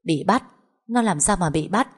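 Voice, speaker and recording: Woman doing a calm lawyer husband, steady and measured, lowish voice. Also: husky.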